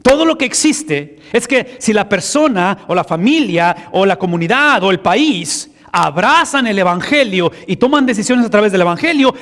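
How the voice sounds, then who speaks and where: A man's voice: sits high, fairly bright tone, big-room sound. A male pastor preaching a sermon in Spanish, emphatic and asking the congregation rhetorical questions.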